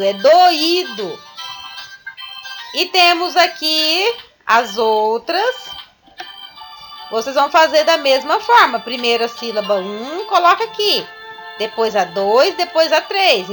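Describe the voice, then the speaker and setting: Bright high-voiced teacher woman. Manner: slow, patient step-by-step explaining to young children. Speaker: primary school teacher. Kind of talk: recorded remote class lesson.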